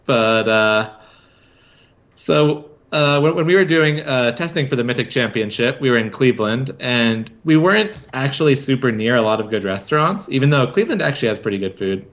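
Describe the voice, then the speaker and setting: A man's voice: mid-range voice, moderate pace, muffled recording. A man who is a podcast guest, casually telling a story with lots of filler words. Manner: storytelling, relaxed with many fillers.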